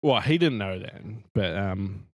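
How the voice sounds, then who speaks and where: Low-voiced laid-back male co-host. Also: animated, a little slow, no echo, clean studio sound. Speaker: podcast co-host. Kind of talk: casual chat.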